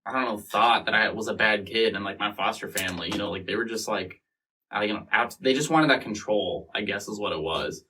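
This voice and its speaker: A man's voice: fairly low pitch, brisk, bright, forceful tone. A man in his twenties, an interview guest telling his story in a loose, profane, rambling way, mimicking the people in it. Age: 20s. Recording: distant mic with faint noise.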